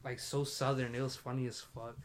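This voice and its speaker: A man's voice: mid-range voice, little pitch movement, fairly quick, a crowd in the background. Young man, podcast host, casual storytelling, swears a lot, laughs through punchlines.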